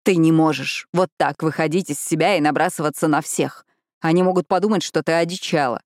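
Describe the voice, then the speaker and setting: A woman voicing a calm, selfish male vampire in an audiobook, speaking slowly and evenly. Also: sits low, no room sound, studio quality, close to an everyday voice. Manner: calm, measured, slow.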